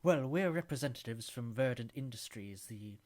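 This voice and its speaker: A man voicing a polite, formal company representative who talks smoothly and persuasively. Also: medium pitch, lively intonation, moderate pace, a little mellow, natural voice.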